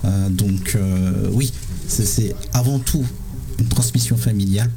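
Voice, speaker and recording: A man from Sri Lanka, in his thirties, answering interview questions as a musician guest, halting with many fillers and repeated words. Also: lowish voice, vocal fry.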